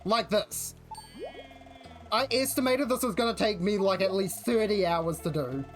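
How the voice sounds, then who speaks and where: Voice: mid-range voice, measured pace. Livestreamer with a broad Kiwi accent, androgynous mid-range voice, slangy rambling chat over music. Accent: New Zealand. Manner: slangy, rambling, self-interrupting. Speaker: game livestreamer. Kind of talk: casual chat while gaming. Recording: music behind the voice.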